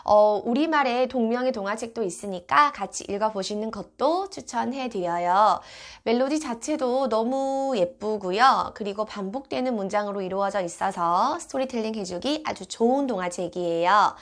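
A woman's voice: mid-range voice, lively intonation, moderate pace, few pauses. A woman giving polite, encouraging instructional narration about children's picture books, as if for parents and teachers of toddlers.

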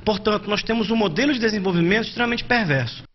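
Man in his thirties, economist interview, formal and assertive, high voice, dull sound. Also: expressive, quick pace, slight background noise. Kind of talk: interview answer. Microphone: handheld mic.

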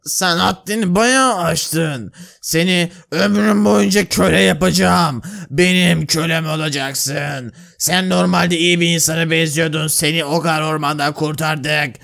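A man voicing a cruel, gloating male jailer who serves a king, talking slowly and bossily in a game role-play. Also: on the high side, fairly even intonation, creaky, a bit bright, pitched below the performer's own voice. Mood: threatening. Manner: slow, menacing and bossy.

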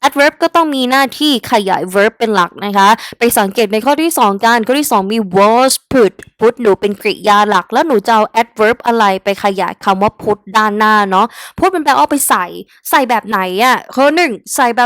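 A young woman with a Thai accent teaches an English exam lesson in a chatty, familiar way, talking straight to her students. Her voice sits fairly high, and the sound is dry and close with no room echo. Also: lively intonation, moderate pace, few pauses, a bit bright. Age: young adult. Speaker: English tutor. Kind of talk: exam-prep vocabulary lesson.

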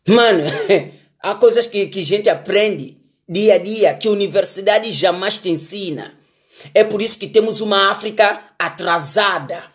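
A man's voice: high-pitched, a bit bright. A man giving a casual motivational rant, emphatic and repetitive, chiding his listeners with rhetorical questions. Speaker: vlogger giving life advice.

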